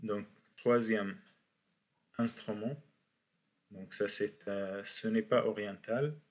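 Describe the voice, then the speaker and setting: A man teaching a beginners' class in French, slowly repeating each word for his students. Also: fairly low pitch, steady tone. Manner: slow, repeats words for learners. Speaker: Arabic teacher. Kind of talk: university language lesson.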